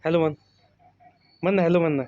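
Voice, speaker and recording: A man talks to the camera and to his toddler in a teasing, coaxing way. His voice sits fairly high for a man. The sound is dull and lo-fi, like a phone camera recording. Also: fairly even intonation, quick pace, mellow. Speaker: vlogger filming his small child. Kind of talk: casual family vlog, talking to camera and toddler.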